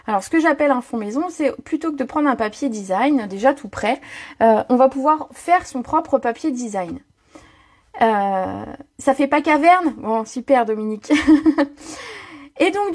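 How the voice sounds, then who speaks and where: A woman's voice: high voice, darkish tone. A woman hosting a live card-making tutorial, chatty and full of fillers, greeting viewers by name as she demonstrates. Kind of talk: live-streamed craft tutorial. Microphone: home setup, own mic.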